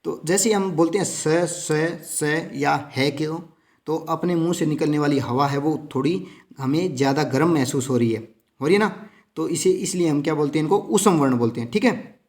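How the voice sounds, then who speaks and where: A man's voice: a little high, moderate pace, a little mellow. A man teaching a lesson for exam preparation who asks questions and answers them himself, and keeps calling his students his friends.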